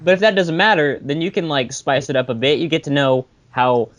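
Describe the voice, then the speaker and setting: A man's voice: fairly high pitch, a little fast, a bit bright. Male podcast co-host, easygoing, jokey dry asides, webcam-call sound. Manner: joking, agreeable, dry asides. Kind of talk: casual chat. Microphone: video call.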